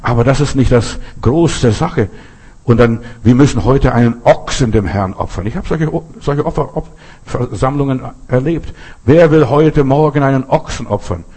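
A man's voice: mid-range voice, moderate pace, darkish tone, husky. A man preaching a folksy sermon, talking straight to his listeners with many asides. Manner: folksy, addresses listeners directly with frequent asides. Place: Berlin.

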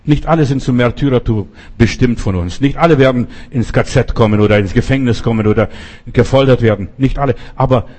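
Middle-aged guy preaching, husky dark voice, hammers words over and over. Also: mid-range voice, brisk. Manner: emphatic, repeats words for stress. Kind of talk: sermon.

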